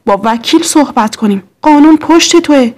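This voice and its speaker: A woman's voice: high voice, animated, darkish tone, pitched above the performer's own voice. A woman reading an earnest, protective young man. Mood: firm. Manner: earnest, firm.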